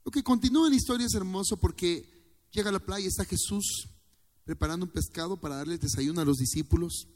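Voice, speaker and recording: Male pastor with a high voice, a fervent call-and-response sermon, reverberant church hall. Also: fairly quick, a little mellow.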